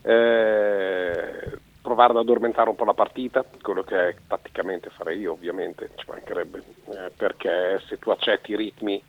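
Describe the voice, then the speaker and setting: Gravelly man heard over a phone line. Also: fairly low pitch, fairly even intonation, moderate pace. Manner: thinks aloud with many fillers and restarts. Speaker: radio football pundit. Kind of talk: casual radio chat by phone. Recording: tinny phone line, dry.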